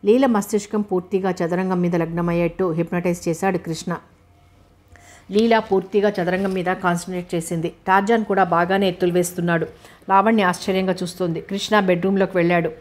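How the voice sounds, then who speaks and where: A woman narrates a novel as an audiobook, reading every character's lines herself in an even storytelling voice. Her pitch is fairly low.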